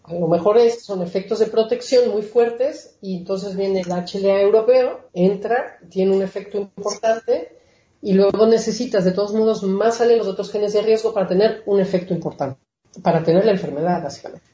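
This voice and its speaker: A woman's voice: medium pitch, moderate pace, dark tone, roomy sound, dull audio. A woman from Mexico, a genetics researcher, explaining her work in a conversational interview with frequent fillers. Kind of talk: interview answers.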